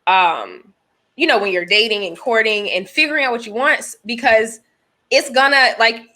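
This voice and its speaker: A podcast co-host in her thirties talks through her points with examples in a casual, thoughtful chat. Her voice is a little high and sharp in tone, at a normal speed.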